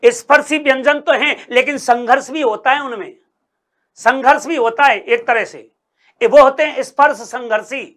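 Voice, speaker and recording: A man's voice: very high-pitched, fairly bright tone. A man teaching a Hindi grammar lesson at a coaching class, sounding out letters one by one and repeating key phrases as he quizzes his students. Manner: sounds out letters slowly to demonstrate; addresses students as sir and brother.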